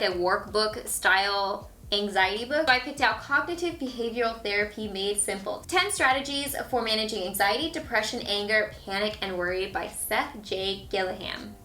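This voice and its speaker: Chatty young woman with a bright voice. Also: mid-range voice, animated, moderate pace, few pauses. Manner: chatty, frequent "like" fillers. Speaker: vlogger reviewing books. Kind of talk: casual talk to camera.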